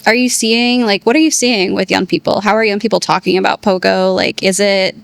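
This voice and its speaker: A woman's voice: medium pitch, steady tone, fairly quick, creaky, dry recording. A woman hosting a podcast interview, asking questions in a casual, supportive way. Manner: supportive, casual, many fillers. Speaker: podcast host.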